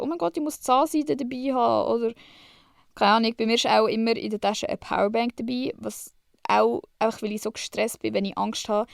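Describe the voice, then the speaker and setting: A young woman with a Swiss German accent hosts a relaxed solo podcast, talking bluntly and swearing without a second thought. Her voice has a lot of vocal fry and sits at an average pitch. The recording is dry, with no room echo. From Switzerland. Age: young adult. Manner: chatty, blunt, swears freely, mixes in English slang. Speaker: podcast host. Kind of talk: casual solo podcast chat.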